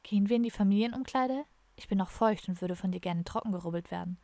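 Eine Frau spielt eine kokette junge Frau. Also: female voice, a little high, brisk, gravelly, no room sound. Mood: flirty. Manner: flirtatious.

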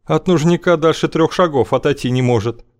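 A man's voice: fairly high pitch, fairly quick, a little mellow, pitched above the performer's own voice, close to an everyday voice. A man reading an audiobook, voicing a bold, scheming older woman matchmaker who talks in a languid, teasing, coaxing way.

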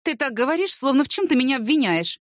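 A woman's voice: high-pitched, big pitch swings, fast talker, no echo, voice pushed up. Woman reading as a tired droopy woman with a headache, defensive, dry close mic. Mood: weary. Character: weary, listless young woman with a headache.

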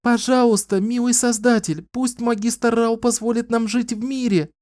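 A man's voice: very high-pitched, steady tone, normal speed, a little mellow, pitched above the performer's own voice. A man voicing a little girl who earnestly pleads for peace. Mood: pleading.

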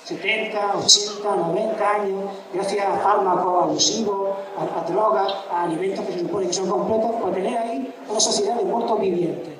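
A man's voice: high-pitched, steady tone, moderate pace, few pauses, a crowd in the background. Man from lecturing, ironic and emphatic, lots of rhetorical questions, mic far away, big echo. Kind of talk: public lecture. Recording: echoey hall from far off with background noise.

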